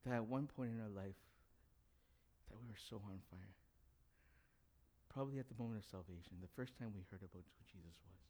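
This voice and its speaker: A young adult pastor raised in an English-speaking country, with Cantonese as his first language, preaches a conversational sermon and asks the congregation questions. His warm voice sits on the low side, a little fast, with long pauses.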